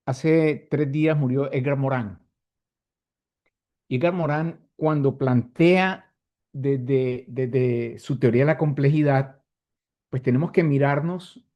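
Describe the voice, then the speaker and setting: A man in his sixties with a coastal Colombian, costeño accent speaks in a fairly high voice. He comments earnestly and emphatically, posing rhetorical questions as a participant in an online discussion. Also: a little mellow. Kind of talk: spoken discussion remarks in an online forum. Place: remote online call.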